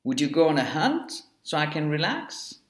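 A man voicing a sleepy, polite male storybook character who asks gently. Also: a little high, wildly swooping pitch, normal speed. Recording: echoey room.

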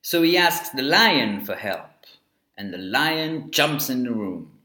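Taking it slowly, the narrator reads a kids' story with a bouncy, melodic rise and fall, his medium-pitched tone steady and mid-range. The room he's in gives the audio a clear echo.

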